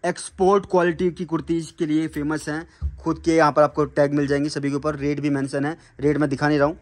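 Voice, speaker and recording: An upbeat man hosts a casual on-site vlog, his voice sitting a little high. He keeps affirming and echoing his guest with eager agreement. The talk is recorded indoors in a factory sample room. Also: level tone, brisk. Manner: enthusiastic, echoes and affirms the other speaker. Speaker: vlogger host.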